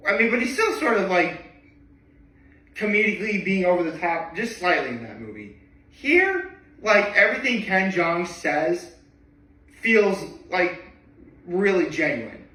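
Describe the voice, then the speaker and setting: A man's voice: high voice, big pitch swings, measured pace, pauses often, sharp tone. A man chatting casually about a movie he loves, rambling with lots of fillers and rising enthusiasm. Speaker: vlogger. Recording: echoey room, voice from a distance.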